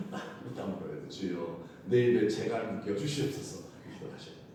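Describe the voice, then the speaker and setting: A man preaching a sermon as pastor, lively and playful, often laughing and calling out to the congregation. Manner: animated, shouts acted crowd cries, laughs often. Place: church sanctuary. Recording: loud echo, from far off, faint rumble.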